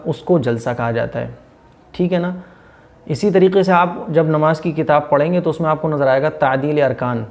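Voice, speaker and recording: Guy teaching how to say prayer words right, kinda high voice, says each bit slow over and over. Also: a little mellow. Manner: asks questions then answers them, repeats phrases slowly; drawls Arabic phrases syllable by syllable. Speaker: religious teacher. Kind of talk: prayer pronunciation lesson.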